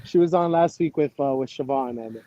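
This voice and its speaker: A man's voice: mid-range voice, brisk, mellow, dry recording, dull audio. A man hosting a podcast, joking and laughing in casual chat. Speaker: podcast host.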